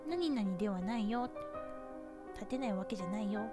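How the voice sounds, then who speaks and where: A woman's voice: mid-range voice, lively intonation, normal speed, music in the background. A woman from Japan streaming a horror game, thinking aloud to herself, nervous and easily startled. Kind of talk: casual horror game let's play commentary.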